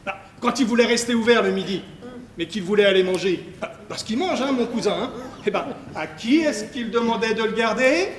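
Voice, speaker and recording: A man's voice: sits high, fairly quick, far from the mic, lightly acted. A man acting a simple, boastful hired guard with folksy, eager talk in an amateur stage play. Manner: folksy, eager talk that pushes his companion to speak. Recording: echoey stage hall picked up from afar.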